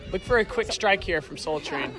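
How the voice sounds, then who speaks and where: Joking male sports commentator, high voice. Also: moderate pace. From North Carolina. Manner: jokey, relaxed banter. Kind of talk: live play-by-play commentary. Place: outdoors at a sports field. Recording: loud outdoor crowd. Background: crowd noise.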